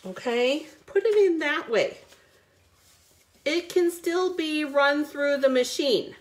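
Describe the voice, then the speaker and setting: A woman's voice: sits high, animated, takes it slowly. A woman hosting a live card-making stream, chatty and bubbly, greeting viewers by name as she works. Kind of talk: live crafting stream chat.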